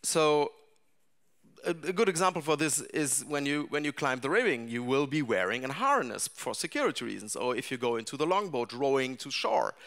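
In a darkened seminar room, a middle-aged man who designs larps addresses a seated conference audience at an ordinary mid pitch. He feels his way through his points, often restarting and pausing with "uh" or "um."

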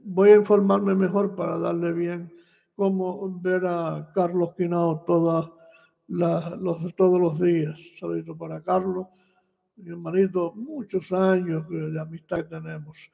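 A middle-aged man with a Puerto Rican accent, hosting a home internet radio show in a slow, rambling way with pauses and restarts, speaking into a studio mic in a small room. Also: sits high, flat delivery, gravelly, in a large hall, dull audio. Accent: Puerto Rican Spanish. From Puerto Rico. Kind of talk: casual on-air chat with shout-outs. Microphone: large studio mic on boom arm.

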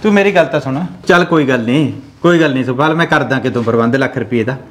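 A man with a Malwai Punjabi accent plays a patient village husband who pleads with his angry wife and tries to calm his mother. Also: mid-range voice, fast, close to an everyday voice. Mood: pleading. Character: soft-spoken, pleading village husband and landowner. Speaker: husband in a village family drama. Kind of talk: amateur village drama acting.

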